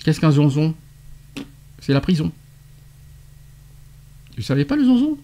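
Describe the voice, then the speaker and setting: Un animateur de radio qui interroge son invité en expliquant de l'argot, avec entrain et des rires. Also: male voice, a little high, very animated, a little slow, dark tone. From France. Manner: quizzing, explaining slang terms with laughs. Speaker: radio show host. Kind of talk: radio debate segment.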